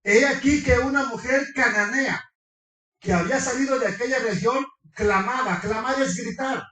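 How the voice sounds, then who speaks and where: High-voiced fervent preacher, echoey hall. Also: male voice, normal speed. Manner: fervent, quizzes the congregation, breaks into shouting. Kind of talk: sermon. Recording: echoey room, far from the mic.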